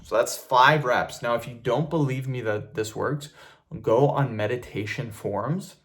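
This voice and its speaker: A man with a deep, firm voice speaking casually and emphatically to viewers as he teaches, like an online video host. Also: a little slow, fairly bright tone. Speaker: YouTube host giving voice tutorials. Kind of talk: instructional talk to viewers, casual.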